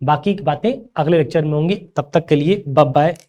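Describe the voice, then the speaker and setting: A man's voice: fairly high pitch, a little fast, background noise. A male teacher giving a grammar lecture, who asks rhetorical questions and answers them himself and calls his students "beta".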